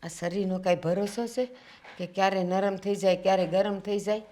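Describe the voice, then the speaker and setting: An actress playing a gentle, pleading, ailing mother-in-law in a Gujarati stage play. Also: medium pitch, steady tone, moderate pace, natural voice.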